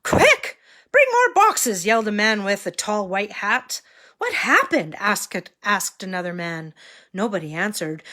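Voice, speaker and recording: A woman reading a picture book aloud to a toddler, expressive and sing-song, pausing to ask the child simple questions. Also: mid-range voice.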